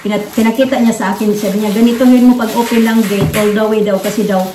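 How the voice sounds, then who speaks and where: A woman's voice: mid-range voice, fairly even intonation, quick pace, recorded from a distance. Woman from the Philippines, casual vlog chat, rambling restarts, roomy echo, faint background noise. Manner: rambling, many fillers and restarts. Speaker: vlogger.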